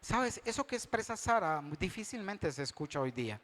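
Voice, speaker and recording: A man's voice: high-pitched, sing-song, normal speed, fairly bright tone. A man preaching a sermon as a pastor, talking conversationally and often putting questions to his congregation.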